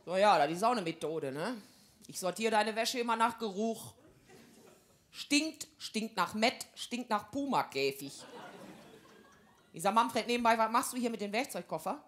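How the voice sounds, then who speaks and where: A woman's voice: medium pitch, expressive, moderate pace. A woman delivering a stand-up comedy monologue in brash, gossipy housewife banter full of broad slang.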